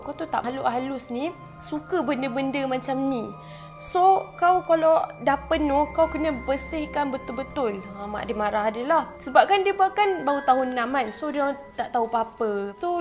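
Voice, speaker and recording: A woman with a Malaysian Malay accent, casually telling a ghost story to her viewers with chatty asides. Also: sits high. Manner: chatty, addresses viewers directly with frequent asides. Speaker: YouTuber telling ghost stories.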